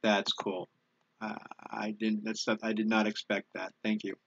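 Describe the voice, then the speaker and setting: On a live stream, a man with a lowish, flat voice chats casually and thanks viewers for their donations, which easily move him. He speaks haltingly and keeps restarting his sentences. It's a YouTube channel host, and the lo-fi audio has a noisy background.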